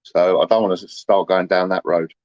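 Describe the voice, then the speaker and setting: A man's voice: low voice, fairly even intonation, brisk, a little mellow, dry recording, highs cut off. A man, chatting casually to livestream viewers in a rambling, aggrieved way, full of "you know".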